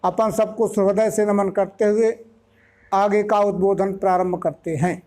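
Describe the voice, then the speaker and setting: A spiritual teacher delivers a religious discourse at a very slow, unhurried pace. The voice sits at a middle pitch. Single sounds are drawn out deliberately. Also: flat delivery, warm tone. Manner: slow, deliberate explanation, drawing out single syllables.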